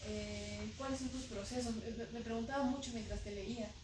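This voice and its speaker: A woman presenting at a book event asks the author questions, hesitating and restarting often. Her slightly high voice is picked up from a distance in a roomy hall. Clear background noise sits under her speech. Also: steady tone, fairly quick. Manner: hesitant, full of fillers and restarts. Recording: roomy hall, far from mic, noisy.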